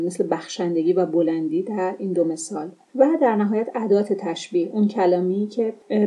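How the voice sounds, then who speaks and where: A woman gives a literature lesson with a mellow, darker tone. She explains in a measured, step-by-step way and slows right down whenever she recites a verse or an example. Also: on the low side. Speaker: literature teacher.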